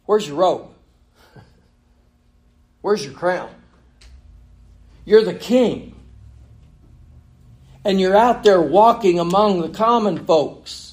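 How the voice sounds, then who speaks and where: A man's voice: high-pitched, slow, long pauses, a little mellow, voice pushed up. A preacher voicing a scornful queen who mocks her husband with biting sarcasm. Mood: sarcastic. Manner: mocking, sneering sarcasm.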